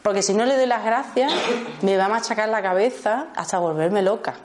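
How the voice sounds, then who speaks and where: A woman with a Spanish accent, teaching a small group in a lively way, acting out short exchanges and often checking in with her listeners. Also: mid-range voice, a little fast, slight background noise. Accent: Spanish from Spain. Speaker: workshop teacher.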